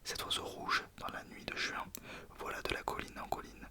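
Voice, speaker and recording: A man reading in a soft ASMR whisper, informal, sometimes stumbling over words and correcting himself. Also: moderate pace. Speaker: ASMR video creator. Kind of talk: whispered ASMR book reading with casual asides.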